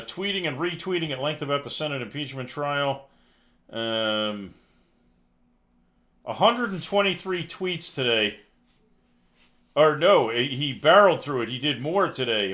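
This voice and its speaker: A man's voice: mid-range voice, bright, forceful tone. A man hosting a casual live news commentary stream, reading headlines aloud and cutting in with sarcastic, exasperated asides. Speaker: livestream news commentary host.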